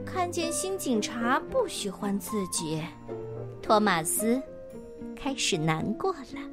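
A woman's voice: fairly high pitch, very animated, slow, music in the background. A woman narrating a children's story in a playful, sing-song storyteller's manner.

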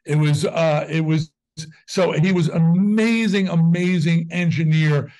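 Wry, deadpan man in his sixties. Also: fairly high pitch, low-quality recording. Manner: wry, deadpan jokes, brisk storytelling. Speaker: guest musician. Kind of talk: casual interview chat.

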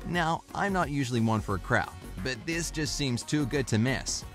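A man's voice: medium pitch, lively intonation, normal speed, a bit bright, faint music behind. A man giving upbeat, lightly jokey scripted narration for a travel list video, played back from the video.

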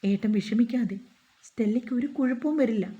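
A woman's voice: on the high side, brisk, warm tone, muffled recording, natural voice. Woman voicing an anxious caring young woman.

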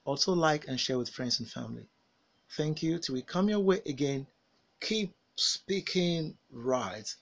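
A man with a Nigerian English accent, teaching pronunciation as a speech coach, enunciating each word slowly and carefully. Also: a little high, expressive, gravelly. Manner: slow, deliberate enunciation, drawn-out model sounds. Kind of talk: phonics pronunciation lesson.

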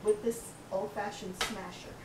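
An older woman cooks in her home kitchen, chatting casually and telling her helper what to do as she shows a recipe. Her voice is medium-pitched and steady, at a measured pace. A camera across the room picks her up, so the recording is echoey, distant and noisy.

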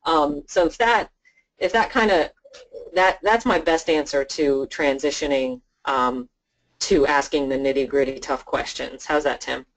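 An insurance sales trainer gives an informal talk to colleagues on a conference call, chatty and conversational, often playing out what would be said to clients. The voice sits at a middling pitch and moves a little slowly, with poor audio.

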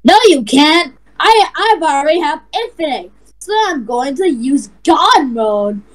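A woman doing casual fan voice acting, defiant and bragging. Her voice is very high and her delivery is slow and unhurried. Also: animated, low-quality recording. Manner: defiant, bragging about cheats. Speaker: fan voice actor.

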